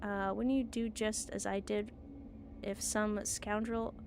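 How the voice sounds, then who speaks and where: A woman's voice: mid-range voice, flat delivery, slow pace, noisy background. A woman voicing a defiant, reproachful mother in a dramatic mystery game. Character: defiant, self-justifying mother confessing to poisoning her husband.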